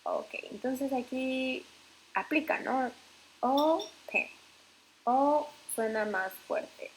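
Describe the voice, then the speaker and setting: A woman teaching English grammar in Spanish, explaining slowly and patiently, with frequent fillers and self-corrections. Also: high-pitched, a little hiss or hum, poor audio.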